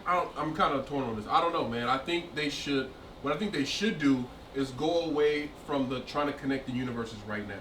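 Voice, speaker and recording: A man's voice: medium pitch, fairly quick, fairly bright tone. A man co-hosting a casual live chat show, thinking aloud with many fillers and restarts. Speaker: podcast co-host. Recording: echoey room, distant mic, faint noise.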